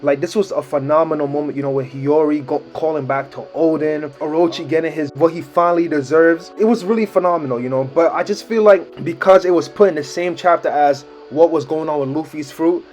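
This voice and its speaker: An excited man talks through a manga chapter in loose slang, filling his sentences with fillers. His voice sits a little high. Faint music plays under him. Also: fairly quick, hardly any pauses. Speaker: anime reaction creator. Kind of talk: casual manga chapter breakdown.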